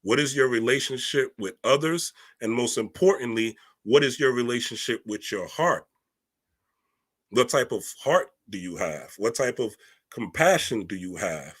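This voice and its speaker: Speaking at a moderate pace in a medium-pitched, fairly bright voice with a breathy edge and lively intonation, this spiritual reader and speaker delivers a casual monologue. It's emphatic and preachy, full of streetwise slang and repeated "right?" check-ins.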